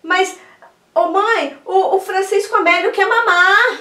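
Very high-pitched, pleading woman. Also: slow, pushed and bright. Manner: pleading, dramatic, exasperated. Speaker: channel host. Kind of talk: pretend-play skit as a frazzled young mother. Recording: echoey room, far from the mic.

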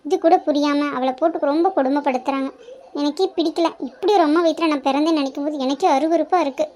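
A woman's voice: high-pitched, fast, dark tone, lightly acted. A woman voicing a spirited young woman who scolds her mother and defends her elder sister in a cartoon. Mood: resolute. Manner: indignant, earnest, protective. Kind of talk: cartoon voice acting.

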